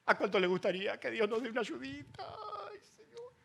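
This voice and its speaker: A middle-aged man with an Argentine accent preaching a sermon, joking between loud preaching and quiet asides. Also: very high-pitched, quick pace, creaky, slightly rough. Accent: Argentine Spanish. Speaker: pastor.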